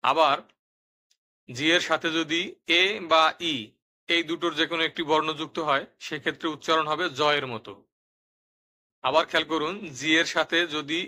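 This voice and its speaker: A man with a very bright, sharp voice leads a patient pronunciation lesson. He explains each rule plainly and says every example word twice, slowly and distinctly. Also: on the high side. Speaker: language teacher. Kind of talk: step-by-step lesson narration.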